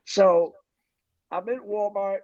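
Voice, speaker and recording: High-voiced laughing male storyteller. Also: steady tone, slow pace, darkish tone, no room sound, highs cut off. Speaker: guest. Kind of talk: storytelling in a casual chat.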